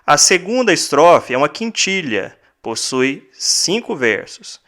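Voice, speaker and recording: A man with a Brazilian Portuguese accent talks through a recorded lesson at an unhurried, deliberate pace. His voice is bright and forward. He is methodical, repeating each point and counting items aloud one by one. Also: a little high, sing-song. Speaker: teacher.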